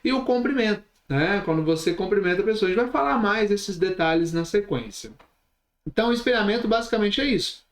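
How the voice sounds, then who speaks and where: A man's voice: high voice, animated, a little fast, reverberant. A man with a Brazilian Portuguese accent teaching a recorded online class, talking expressively and gesturing as he explains. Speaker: instructor.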